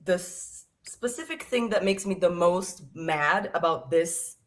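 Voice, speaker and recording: A woman's voice: fairly low pitch, measured pace. A woman from Brazil, co-hosting a casual podcast and ranting heatedly with plenty of swearing. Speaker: podcast co-host.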